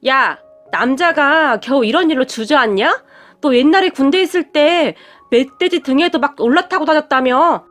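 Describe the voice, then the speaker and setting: Picture a fierce young wife with a high, lively voice, talking down to people with blunt scorn, as a woman puts her on. It sounds like a spoken storybook, with soft music faintly underneath. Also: moderate pace. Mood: scornful taunting. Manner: scornful, taunting.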